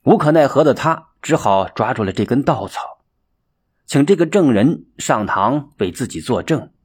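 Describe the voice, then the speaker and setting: A man narrating a folk tale as an expressive, dramatic storyteller. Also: medium pitch, normal speed, breathy edge. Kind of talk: audiobook storytelling.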